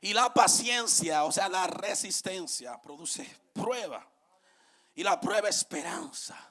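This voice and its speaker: A man preaching a sermon as pastor, dropping to hushed murmurs and then building to shouted, sing-song climaxes. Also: high voice, lively intonation, slow.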